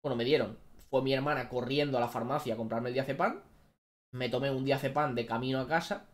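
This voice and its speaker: A man telling a personal story in a vlog, halting and restarting often as he retells what happened. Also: mid-range voice. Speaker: YouTuber.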